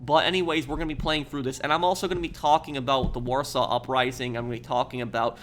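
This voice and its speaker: Speaking fast, this man has a steady, mid-range voice with a fairly bright tone. He's an American gaming YouTuber whose first language is English, and he casually and earnestly explains things while introducing a playthrough.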